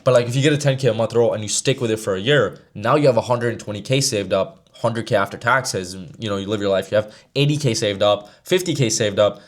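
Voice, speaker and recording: A man's voice: lowish voice, quick pace, few pauses. A man of about twenty giving a brash motivational talk to camera as a sales mentor, casual and slangy. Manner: brash, slangy, straight-talking.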